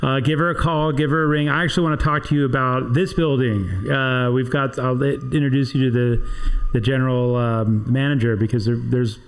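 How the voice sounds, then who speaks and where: A man's voice: mid-range voice, steady tone, a little fast, clean tone. A man hosting a podcast interview for a trade association, talking in a chatty, rambling way with many restarts. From Southern California. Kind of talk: casual interview chat.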